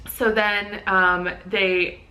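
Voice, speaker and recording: A young adult woman vlogger casually telling a personal story, animated and full of filler words, acting out what others said. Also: medium pitch, drawn-out words. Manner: animated, acts out quoted voices, many fillers like "like". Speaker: vlogger and new mother.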